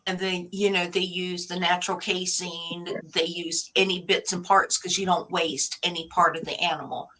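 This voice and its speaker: A woman's voice: lowish voice, little pitch movement, moderate pace, few pauses, bright, forceful tone, rough recording. A woman chatting casually, opinionated and joking, laughing often. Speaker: chat show participant. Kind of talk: casual chat.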